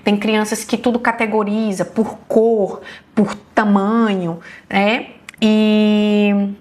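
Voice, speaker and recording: A woman's voice: medium pitch, flat delivery, slow pace, darkish tone. A woman with a Brazilian Portuguese accent giving an online health lecture as a neurologist, explaining patiently and often checking in with her listeners.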